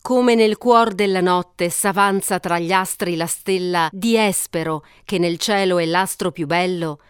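Woman reading an epic story, smooth clear voice, steady pace, dry close mic. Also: on the low side, measured pace, dry recording. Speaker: narrator. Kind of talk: scripted narration of an epic.

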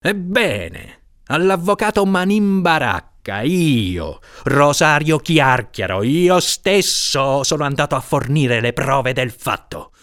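A man reading aloud, voicing a grim, stubborn man with a jinx reputation who speaks insistently with bitter, drawn-out emphasis. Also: fairly high pitch, sing-song, a bit bright, pitched above the performer's own voice, full character voice.

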